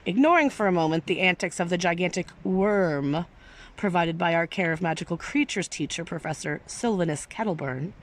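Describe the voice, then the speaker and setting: A woman with a fairly low voice reads a story aloud at a moderate pace, expressive and careful, with theatrical phrasing. The recording has a clearly noisy background.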